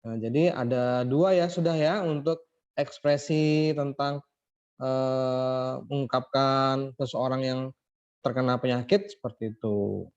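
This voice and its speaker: A man's voice: mid-range voice, steady tone, unhurried, darkish tone. A man teaching an online English lesson to children, explaining patiently and checking often that the class follows. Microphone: video call. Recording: dull lo-fi video call audio.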